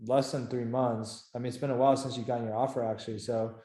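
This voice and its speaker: A man's voice: mid-range voice, level tone, quick pace, dark tone, roomy sound. A man hosting a casual interview over a video call, chatty and full of fillers. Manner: filler-heavy, loose and chatty. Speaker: interview host, founder of a career coaching program.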